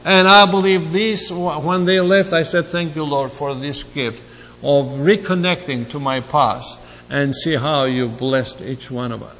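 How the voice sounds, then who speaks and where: A man in his seventies from Greece, giving a halting, reflective sermon with personal asides. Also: on the high side, steady tone, a bit bright, long reverb tail. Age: 70s. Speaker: preacher.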